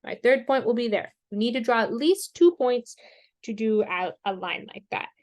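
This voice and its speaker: Woman math teacher, somewhat high voice, slow patient step-by-step explainer, has the hiccups. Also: lively intonation, a little mellow. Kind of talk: recorded screen-share math lesson.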